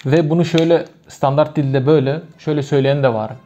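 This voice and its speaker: A man's voice: fairly high pitch, fairly even intonation, fast, dark tone, dull audio, soft background music. A man with a Turkmen accent and Turkmen as his first language, teaching a casual video lesson, hesitant, with many fillers and self-corrections.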